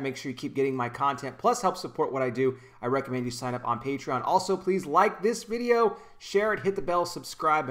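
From a small indoor room with a kitchen at his back, a commentary channel host in his thirties speaks into a desk mic in front of him. His voice is mid-range with a fairly bright tone; he's earnest, gestures as he talks, and frequently starts over.

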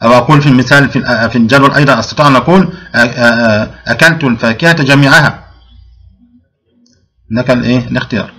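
In a recorded classroom lesson, a man teaching grammar walks through the material step by step, quizzing pupils and answering for them. His voice is medium-pitched and a bit bright, and he frequently restarts sentences and stretches out fillers.

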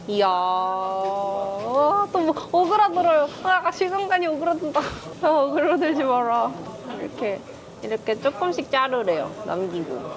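A woman food vlogger chatting playfully as she eats, full of quick exclamations. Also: fairly high pitch. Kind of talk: casual mukbang chat. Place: busy restaurant. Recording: restaurant crowd chatter behind. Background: diners chattering.

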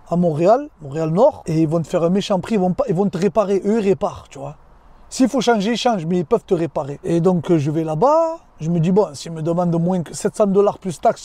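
A man in his thirties telling a casual vlog story from inside his car, lively and slangy, talking straight to the viewer. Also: sits high, no room sound. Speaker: vlogger.

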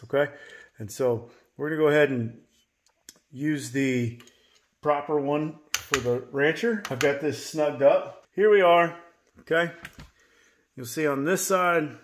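A man's voice: medium pitch, a little hiss or hum. A man in his thirties giving a casual workshop tutorial, talking straight to viewers and checking in with a folksy "okay?" between steps. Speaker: chainsaw maintenance presenter. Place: indoor home workshop.

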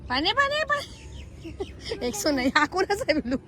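A woman's voice: high-pitched, sing-song, normal speed. A woman vlogging outdoors with a handheld camera in a park playground, chatting to viewers and coaxing a small child. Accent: Marathi. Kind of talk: casual vlog narration to viewers.

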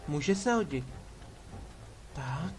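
A man's voice: on the high side, expressive, background noise. A man giving casual commentary while playing a game, bossing his party members around with sarcastic asides. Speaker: let's play gamer. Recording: game music behind voice. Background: game music.

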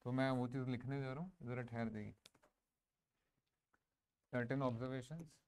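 A man's voice: medium pitch, fairly even intonation, unhurried, a little mellow, smooth. Man teaching maths in Hindi and English. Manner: mixes Hindi and English, asks the class to confirm. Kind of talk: classroom lecture. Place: classroom.

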